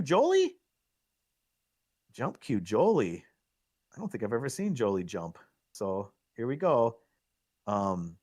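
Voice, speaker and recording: A middle-aged man giving excitable, coaching commentary on a live pool match, laughing at himself often. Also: on the low side.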